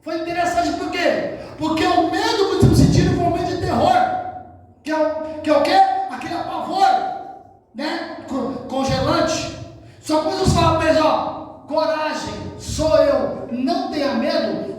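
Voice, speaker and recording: A Brazilian pastor preaching in a large church, shouting and half-singing his lines, joking with the congregation. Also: very high-pitched, a little slow. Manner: shouting, sing-song, joking. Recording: echoey hall from far off.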